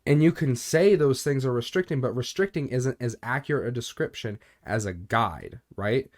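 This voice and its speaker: A man's voice: medium pitch, moderate pace. A young man co-hosting a podcast, talking earnestly about faith in a casual, rambling way, with a recurring cough. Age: young adult. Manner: earnest, rambling, with many fillers. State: intermittent cough. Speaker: podcast co-host.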